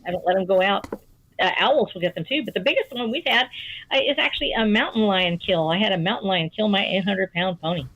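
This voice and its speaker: A woman's voice: medium pitch, fast talker, fairly bright tone. A woman chatting casually as a guest, laughing often and stumbling over her words. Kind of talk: casual chat. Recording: dull lo-fi sound.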